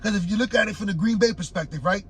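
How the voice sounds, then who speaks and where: Raspy-voiced man hosting sports talk. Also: sits high, fast, a bit bright, a little hiss or hum. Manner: laid-back, conversational, frequent fillers like "man" and "right". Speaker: sports talk show host. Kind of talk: casual sports commentary. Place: home in Florida.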